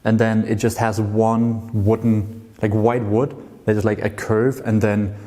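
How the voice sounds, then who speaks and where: A man's voice: on the low side, flat delivery, unhurried, mellow. A young man giving a chatty, informal amateur lecture, talking directly to his listeners. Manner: chatty, addresses audience directly. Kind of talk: informal lecture to a small audience. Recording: long hall reverb.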